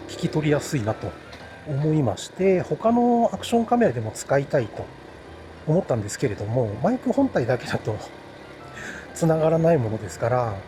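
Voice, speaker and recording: A man chatting casually and politely to viewers as a motovlogger, explaining things with drawn-out phrase endings, his voice recorded inside a helmet. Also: a little high, sing-song, warm tone, soft background music. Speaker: motovlogger reviewing action cameras. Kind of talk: casual solo chat to viewers. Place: riding a motorbike outdoors, talking inside a helmet. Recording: noisy motorcycle ride, inside a helmet.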